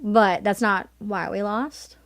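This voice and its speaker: A young woman co-hosting a college sports show, talking in an animated, opinionated way and laughing often. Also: medium pitch, slow, no room sound. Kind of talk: casual sports chat.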